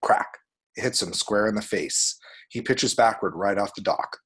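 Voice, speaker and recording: At a table read, a man reads out a screenplay's action descriptions, telling the story vividly and dramatically and voicing the sound effects himself. His voice is fairly low, husky and a bit bright, at normal speed.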